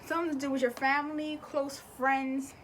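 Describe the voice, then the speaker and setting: A woman's voice: high-pitched, flat delivery, normal speed, noisy background. A young woman giving a casual spiritual card reading, chatty, repeating words and swearing offhandedly. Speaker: tarot and oracle card reader.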